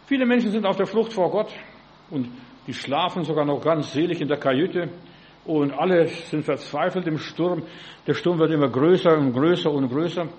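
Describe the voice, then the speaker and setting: A man's voice: fairly high pitch, a little mellow, rough recording. A male preacher giving a sermon, peppering his talk with "ja" and asking his listeners direct questions. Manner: acts out biblical voices in quotes.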